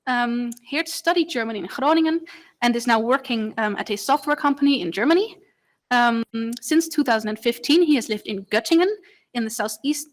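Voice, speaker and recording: A woman moderating a conference panel, introducing guests with frequent hesitations. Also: on the high side.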